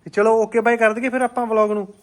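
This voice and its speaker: Coaxing woman vlogger, high voice. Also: level tone, fast. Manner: coaxing, repeats herself, laughs often. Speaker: family vlogger. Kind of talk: casual family vlog chat.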